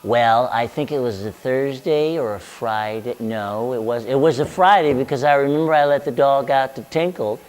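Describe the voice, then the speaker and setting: A man's voice: mid-range voice, normal speed, few pauses, a little mellow, long reverb tail, pitched below the performer's own voice, close to an everyday voice, low-quality recording. A man voicing his rambling mother, who wanders off topic. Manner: meandering, distracted. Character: rambling mother who never gets to the point.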